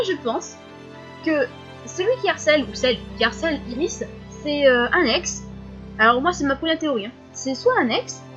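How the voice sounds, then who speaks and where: A fifteen-year-old girl answering viewer questions in a casual vlog, talking fast with many fillers and frequent giggles. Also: sits high, lo-fi sound. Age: teens.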